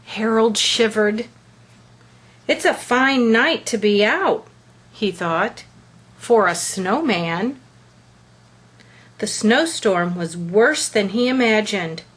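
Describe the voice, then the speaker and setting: In a husky, medium-pitched voice, a woman acts as storyteller for a children's picture book, reading with deliberate, expressive phrasing.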